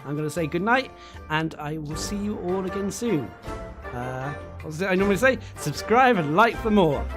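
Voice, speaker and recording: With a high voice, lively intonation and normal speed, a man on stream gives rambling, chatty live commentary on a game showcase, laughing and using lots of fillers. His voice is giving out, and showcase music plays in the background.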